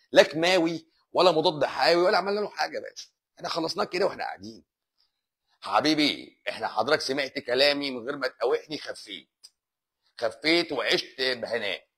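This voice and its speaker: A man with an Egyptian Arabic accent, a doctor hosting a live stream and answering viewer comments in a joking, teasing, sarcastic way. His voice is husky. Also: on the high side, a bit bright.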